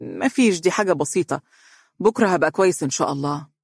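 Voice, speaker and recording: A brash young man with an Egyptian accent, bantering quickly and teasingly, as a male narrator puts him on. His voice sits a bit above the reader's own. Dry, close audiobook sound. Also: a little high, expressive, vocal fry, husky, no room sound, heavily acted. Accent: Egyptian Arabic.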